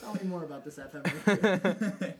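A man's voice: high voice, fairly quick, a crowd in the background. A hungover man in his twenties chatting casually as a comedian guest on a podcast, self-deprecating and prone to talking through laughter.

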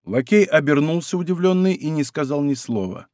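A man narrating an adventure novel as an audiobook with an expressive, dramatic reading. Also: a little high, a little fast, dry recording, studio quality.

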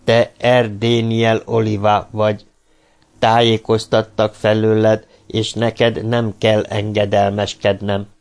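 A man reading an audiobook, voicing a captured male robot assassin who answers quietly, slowly and stubbornly. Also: lowish voice, monotone, close to an everyday voice. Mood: defiant. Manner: soft, slow and stubborn.

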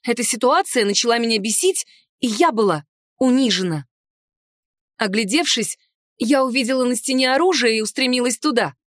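Woman, audiobook narrator, expressive first-person reading, higher voice, dry sound. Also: moderate pace, no echo.

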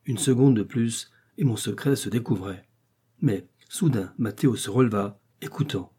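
A man narrating a classic adventure story in the first person, in measured literary storytelling. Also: fairly low pitch, dark tone, husky. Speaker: audiobook narrator. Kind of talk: scripted narration.

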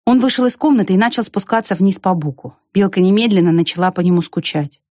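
A woman narrating a children's story in an expressive storytelling manner. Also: mid-range voice, fast, no room sound, studio quality.

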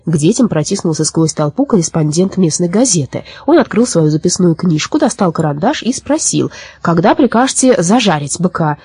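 A woman narrates a children's story with lively, expressive rises and falls. Her voice is very breathy and mellow. The recording is close and dry. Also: lowish voice, brisk, few pauses, dry recording. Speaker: audiobook narrator.

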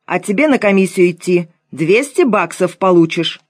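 A woman's voice: fairly low pitch, expressive, normal speed, dry recording, studio quality. A woman reading an audiobook, voicing a brusque, dismissive middle-aged woman official.

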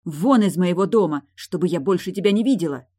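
A woman voicing a furious, sharp-tongued woman on prosthetic legs who shouts and snaps, in an audiobook. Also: lowish voice, expressive, fairly quick, no room sound, studio quality. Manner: shouting, snapping.

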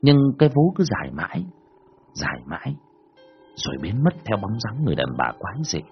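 A man narrating a first-person horror story in a dramatic, drawn-out way. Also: deep voice, wildly swooping pitch, faint music behind. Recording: dull lo-fi recording.

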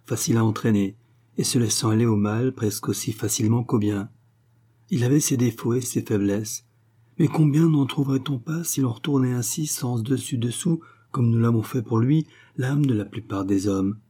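A man narrating a novel as an audiobook, reading in a measured, even way. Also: medium pitch, husky.

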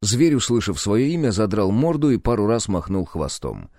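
A man narrating an audiobook in an expressive, lively reading. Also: on the low side, normal speed, no echo, clean studio sound. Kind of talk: scripted narration.

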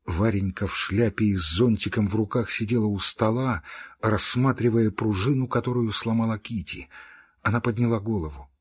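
A man narrating an audiobook classic in a steady, measured reading. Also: fairly low pitch, slightly rough.

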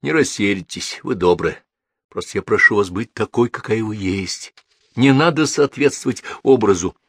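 A man's voice: fairly low pitch, moderate pace, breathy edge, no room sound, exaggerated voice. A man voicing a playful, self-mocking middle-aged writer who jokes eagerly, in a dry close recording. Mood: earnest. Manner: joking, lively.

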